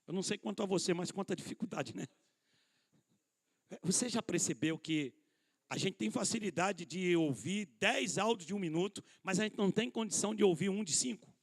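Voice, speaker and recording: A middle-aged pastor, talking a little fast in a high-pitched voice, preaches conversationally at a church conference held in a church hall. He addresses his listeners as brothers, asks rhetorical questions and uses self-deprecating humor.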